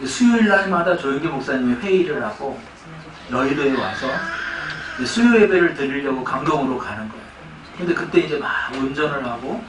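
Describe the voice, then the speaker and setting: A man's voice: fairly high pitch, noisy background. Man preaching in an echoey church. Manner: animated storytelling with laughter. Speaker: pastor. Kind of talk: sermon. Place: church sanctuary. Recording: echoey church hall from far off.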